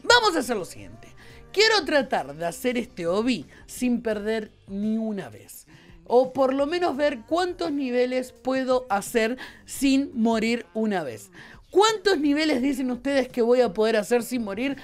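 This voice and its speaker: A man's voice: very high-pitched, animated, a little slow, faint music behind. A young man with a Rioplatense Spanish accent, giving chatty, playful commentary on a game as he plays it and reacting aloud to what happens. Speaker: gaming YouTuber. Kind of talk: let's-play game commentary.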